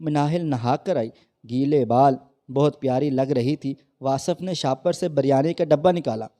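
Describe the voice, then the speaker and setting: A man's voice: medium pitch, normal speed, warm tone. A man narrating a sad moral story with emotive, mournful delivery.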